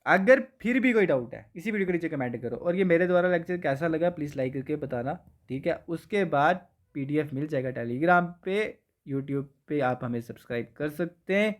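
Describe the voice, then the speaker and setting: A man's voice: fairly high pitch, expressive, normal speed. A man teaching an exam revision lesson in Kashmiri-accented Hindi. He keeps asking the class questions, answers them himself, and checks in with "theek hai" again and again. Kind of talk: exam revision lecture over a map.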